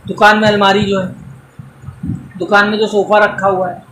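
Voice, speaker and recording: A man's voice: high-pitched, little pitch movement, normal speed, fairly bright tone, reverberant, slight background noise, low-quality recording. A man teaching an accounting class in a coaching centre, lecturing in a mix of Hindi and English and quizzing students with everyday examples.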